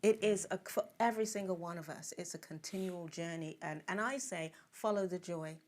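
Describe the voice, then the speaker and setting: A woman's voice: on the low side, brisk. A woman speaking as a panelist on an online discussion, upbeat and encouraging. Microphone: video call.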